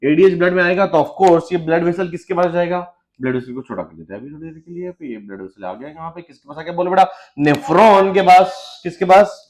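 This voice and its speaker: A man teaching biology in a classroom, firing questions at students and teasing them, with quick low asides. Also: a little mellow. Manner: quizzes students with repeated questions, teasing and joking. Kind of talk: lively classroom lecture.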